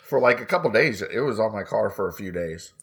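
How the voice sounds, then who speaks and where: A man's voice: lowish voice, animated, brisk, gravelly, fairly bright tone, slightly rough. A man co-hosting a casual podcast chat, asking questions, swearing casually and laughing. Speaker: podcast co-host.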